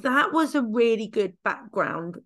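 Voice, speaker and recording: A woman's voice: fairly high pitch, animated, a little slow, a bit bright. A woman hosting a podcast and chatting casually as a dog trainer, self-deprecating and laughing often. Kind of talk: casual conversational chat.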